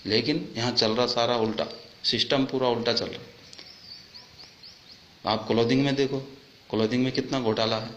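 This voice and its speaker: A man, a soldier, delivering an impassioned complaint, firing rhetorical questions and rising to loud outbursts. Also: mid-range voice, steady tone, normal speed, pauses often, roomy sound, a little hiss or hum.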